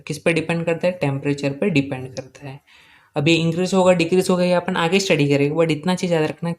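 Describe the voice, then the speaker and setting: A man giving an exam-prep chemistry lecture. He keeps asking questions and answering them himself, repeats key points, and slowly dictates important lines for students to note down. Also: a little high, a little mellow. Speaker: chemistry teacher.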